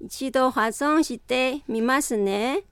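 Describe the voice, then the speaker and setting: A woman teaching a beginner language lesson, explaining sounds carefully and deliberately. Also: high-pitched, clean tone, no room sound. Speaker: Chinese language instructor. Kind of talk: slow scripted language lesson.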